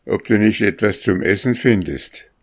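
A man voicing a wise old male raven who calmly explains things, in a storybook reading. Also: lowish voice, moderate pace, voice pushed up, natural voice.

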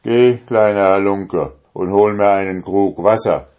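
A man voicing a huge, clumsy, dim-witted giant in a storybook reading, with a loud, booming delivery. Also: a little slow, clean tone, lightly acted.

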